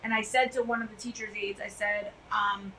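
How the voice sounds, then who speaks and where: Loud, bright-voiced chatty woman. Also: mid-range voice, fairly even intonation, moderate pace, a little hiss or hum, low-quality recording. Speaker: podcast co-host. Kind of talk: casual chat. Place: living room couch.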